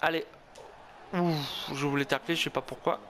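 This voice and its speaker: A high-voiced man narrates his football video game play by play, cheering and fretting as he goes. His speech is excitable and tense, full of repeated words, with a faint noise underneath the recording. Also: moderate pace. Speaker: gaming video host.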